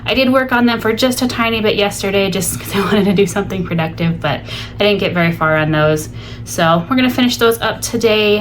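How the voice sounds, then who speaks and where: Against a noisy background, a young woman vlogs from her home studio about her small craft business, her medium-pitched voice a little stuffy from allergies. She's chatty and friendly, saying "so" and "like" a lot.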